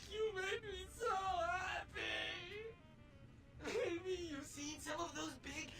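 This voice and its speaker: A woman voicing a tiny, neurotic robot obsessed with coffee cups, swinging between whispers and shouts. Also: high voice, vocal fry, exaggerated voice. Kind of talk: video game voice acting. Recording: game audio from far off with loud music.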